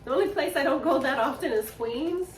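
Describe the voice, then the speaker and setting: A woman's voice: high voice, a little fast, far from the mic, slight background noise. Laughing, teasing New York woman, roomy. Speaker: podcast co-host. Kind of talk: casual chat.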